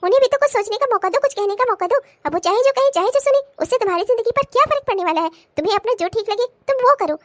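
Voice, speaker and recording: A woman's voice: extremely high pitch, lively intonation, a bit bright, dry recording. A woman voicing a stern older mother-in-law and grandmother in a cartoon comedy, scolding and lecturing. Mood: preachy. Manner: scolding, then lecturing in a slow preachy way.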